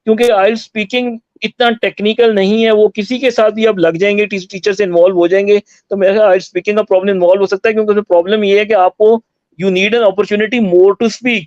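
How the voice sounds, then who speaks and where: Male IELTS teacher, high voice, explains patiently in mixed languages, muffled lo-fi line. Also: level tone, a little fast, a little mellow, dry recording. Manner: explanatory, mixes Hindi-Urdu with English phrases. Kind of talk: online interview answers.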